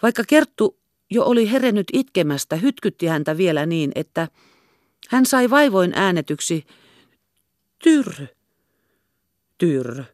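A woman reading a classic novel aloud in steady, measured audiobook narration. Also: medium pitch, dry recording, studio quality. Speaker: audiobook reader. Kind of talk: scripted narration.

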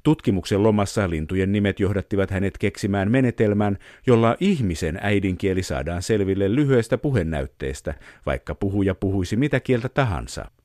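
A man hosting a radio program, narrating a scripted piece in a measured storytelling way and then interviewing a guest. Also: low voice, animated, a little mellow, no echo, clean studio sound. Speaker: radio host.

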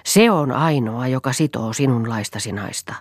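Woman reader doing a fervent, pleading man; breathy, dry read. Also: a bass voice, lively intonation, no room sound. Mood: needling. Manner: intense, impassioned pleading. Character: passionate man pleading with an old friend.

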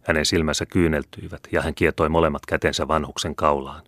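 Deep-voiced man reading an audiobook. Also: level tone, fairly bright tone, no room sound. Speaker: audiobook reader. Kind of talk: scripted narration.

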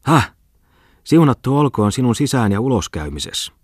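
A man's voice: medium pitch, sing-song, husky, no room sound, clean studio sound, pitched above the performer's own voice. A man voicing a fat, drowsy male bookseller who grumbles from his bed, exclaiming and yawning. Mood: grumbling.

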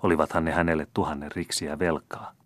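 A man narrates a classic novel in a steady, measured reading. His voice is very deep. The recording is dry and close, with no room echo. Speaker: audiobook reader. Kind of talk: scripted narration.

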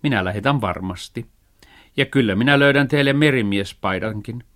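Man doing a kind mom, calm, kids story reading. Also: medium pitch, natural voice. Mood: caring. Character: kind, caring mother.

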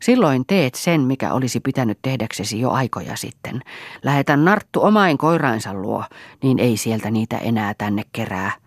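A woman's voice: a bass voice, animated, no echo, studio quality. Woman doing a spiteful old mother-in-law. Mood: venomous. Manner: scolding, venomous.

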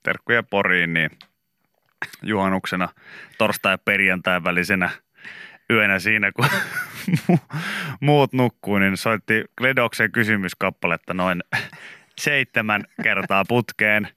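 A man's voice: fairly low pitch, pushed and bright, smooth, no echo, studio quality. A man hosting a morning radio show, chatting casually, laughing often and telling stories with animation. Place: radio studio. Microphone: studio microphone.

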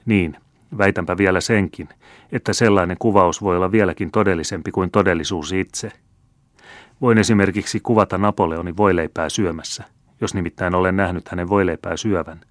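A man's voice: low voice, fairly even intonation, no room sound, clean studio sound, natural voice. A man reading an old, reasoning storyteller. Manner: measured, explanatory storytelling. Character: elderly male storyteller, calm and reasoning. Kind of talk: audiobook character reading.

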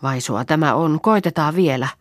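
A woman's voice: low voice, dry recording, clean studio sound. A woman voicing a practical young farm girl who takes charge with short instructions. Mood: steady.

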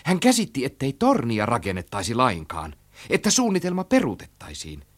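A man reading a children's story aloud in an animated, rhythmic storytelling style. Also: medium pitch. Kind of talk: expressive storybook narration.

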